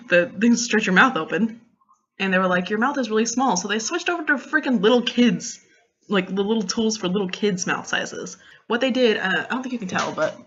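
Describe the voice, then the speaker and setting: A young woman chatting casually in a vlog, retelling a story in an animated way with lots of fillers and quoted dialogue. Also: mid-range voice, lo-fi sound. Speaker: vlogger.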